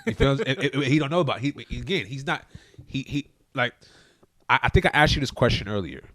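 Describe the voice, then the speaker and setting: A man's voice: medium pitch, lively intonation, brisk, fairly bright tone, no room sound. A man co-hosting a casual podcast chat, preaching his views emphatically and telling listeners to look things up. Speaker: podcast co-host.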